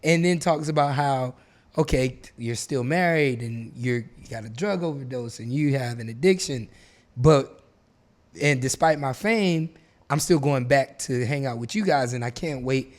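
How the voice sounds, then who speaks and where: A man's voice: mid-range voice, a little slow. A man hosting a casual podcast, arguing his points emphatically and repeating phrases to drive them home. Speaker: podcast host.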